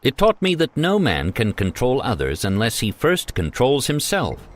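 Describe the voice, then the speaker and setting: A man narrating a self-help story in a measured, earnest way. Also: mid-range voice, wildly swooping pitch.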